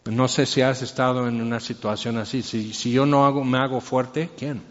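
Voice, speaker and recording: A man giving an emotional personal testimony, halting and restarting his sentences often. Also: medium pitch, steady tone. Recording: reverberant hall, dull lo-fi sound.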